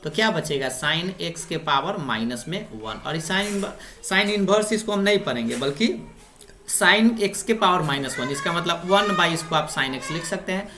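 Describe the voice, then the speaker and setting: A woman's voice: low voice, fairly bright tone. A young woman teaching maths, patiently explaining exam problems step by step and repeating herself. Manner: patient, repetitive explaining with frequent "dekhiye" and "thik hai". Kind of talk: exam-prep lesson over worked problems.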